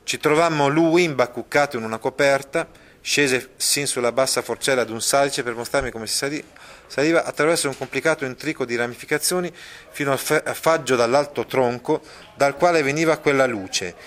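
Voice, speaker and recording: A man's voice: mid-range voice, a bit bright. Hesitant man teaching literature. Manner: hesitant, many drawn-out fillers; explains patiently, checks in with listeners. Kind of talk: lesson mixing reading aloud and explanation.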